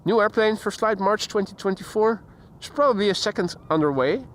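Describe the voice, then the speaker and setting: Outdoors near an airport, a man with a fairly high voice runs a brisk, casual live stream, greeting viewers by name and chatting between topics. His camera-mounted mic catches a faint hum of traffic and voices behind him.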